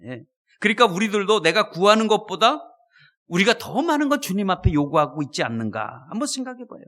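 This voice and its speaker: A man's voice: high-pitched, very animated, brisk, pushed and bright. A middle-aged male pastor from South Korea giving a sermon built on his own story, acting out his past words in quoted asides. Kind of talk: sermon with personal testimony.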